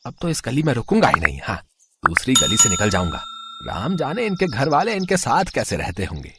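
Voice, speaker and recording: A man's voice: medium pitch, wildly swooping pitch, brisk, very noisy. Man doing a grumbling vegetable seller. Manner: muttering complaints.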